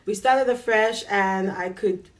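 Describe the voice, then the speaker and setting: A woman's voice: medium pitch, a little slow, distant mic. Chatty woman telling a story, laughing often. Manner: chatty, laughs often, acts out quoted dialogue. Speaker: vlogger. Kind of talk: casual storytelling to camera.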